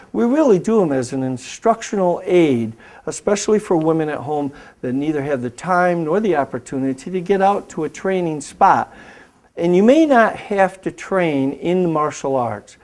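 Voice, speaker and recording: Step by step, a man coaches a self-defense technique with direct commands while hosting a safety talk show in his role as martial arts instructor. The demonstration is voiced slightly high and somewhat dark in tone.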